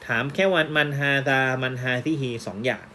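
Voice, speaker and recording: A man's voice: medium pitch, a little fast, sharp tone, a little hiss or hum. A man teaching an online language lesson, explaining patiently and repeating each word twice.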